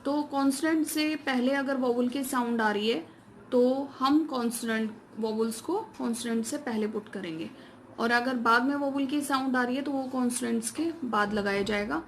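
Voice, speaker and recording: A woman's voice: fairly high pitch, a little hiss or hum. Woman teaching a shorthand lesson. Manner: mixes Hindi with English terms, reads English rules out slowly. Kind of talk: classroom lesson explaining step by step.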